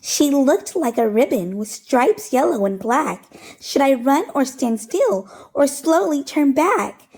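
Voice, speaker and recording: A storytime host with a high voice reads a rhyming picture book aloud slowly, with few pauses. Her reading is expressive, rhythmic and sing-song, and the recording is rough.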